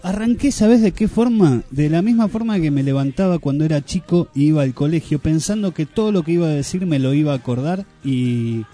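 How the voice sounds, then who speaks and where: Radio host, man, rioplatense accent, mellow and a bit high voice, casual studio banter, faint music behind. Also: a little fast, few pauses. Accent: Rioplatense Spanish. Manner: rambling, playful, jokey asides.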